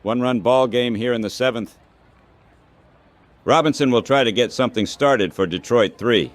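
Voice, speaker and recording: A synthetic male text-to-speech voice delivers baseball radio play-by-play in brief, clipped phrases. It sits in the mid range and moves at a normal speed.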